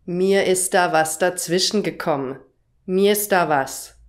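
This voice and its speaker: A young woman teaching German, explaining everyday phrases and their pronunciation with example sentences. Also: fairly low pitch. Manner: slow, clear explanatory delivery with example phrases.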